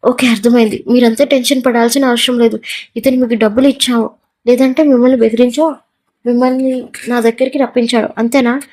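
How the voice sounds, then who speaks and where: A gruff, domineering police officer barks orders and questions in a storybook tale, as a woman reading the story puts him on. The voice sits fairly high and keeps a flat, even tone throughout. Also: fairly quick, close to an everyday voice. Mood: stern. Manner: gruff, commanding.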